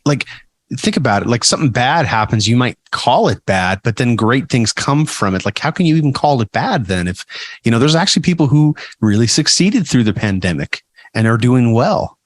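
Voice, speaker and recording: A man's voice: mid-range voice, expressive, normal speed, dry recording. A man co-hosting a podcast, talking casually in a rambling, teasing way with many restarts. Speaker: podcast co-host.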